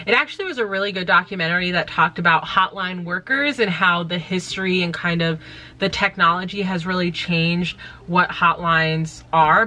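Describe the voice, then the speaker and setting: A woman's voice: fairly low pitch, bright, forceful tone, slight background noise. A woman in her thirties hosting a casual storytime video, talking in a chatty, joking way and making self-deprecating asides. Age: 30s. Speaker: YouTube host.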